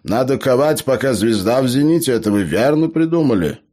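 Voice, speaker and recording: A man's voice: fairly quick, natural voice. A man voicing a chatty, scheming male dwarf in an audiobook, with an eager and persuasive manner. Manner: eager, persuasive, high excited voice.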